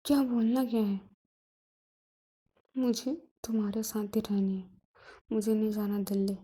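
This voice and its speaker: A woman voicing a jealous, sharp-tongued young female student, scolding in a whisper as whispered role-play. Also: mid-range voice, little pitch movement, measured pace, slightly rough. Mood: demanding.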